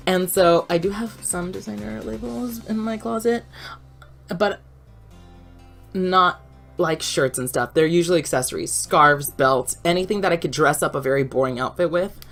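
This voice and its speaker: A woman's voice: fairly low pitch, moderate pace, creaky, fairly bright tone, soft background music. A young woman telling a chatty, rambling story as a voice-over, laughing often. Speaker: YouTuber.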